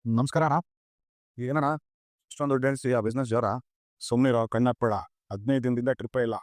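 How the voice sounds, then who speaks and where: An actor playing a young driver coaxing and flattering his boss for money in a TV serial. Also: medium pitch, fast, no echo, studio quality, close to an everyday voice. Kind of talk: TV serial acting.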